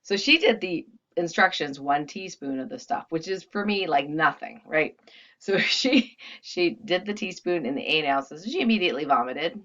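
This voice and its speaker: A woman's voice: sits low, expressive, normal speed, fairly bright tone, highs cut off. A woman leading a casual, guided energy healing session, speaking conversationally with frequent asides.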